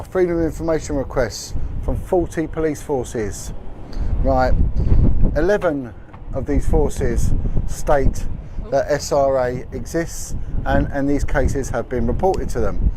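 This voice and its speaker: A man's voice: mid-range voice, slow pace. Man hosting a windy outdoor livestream. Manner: rambling, reads out figures with many ums. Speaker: livestream host. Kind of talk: casual livestream talk. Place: outdoors on a boat in strong wind. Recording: wind and engine noise.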